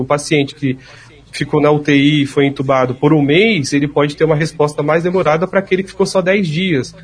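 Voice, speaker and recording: A man, a speech therapist patiently explaining treatment step by step in an interview. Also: on the high side.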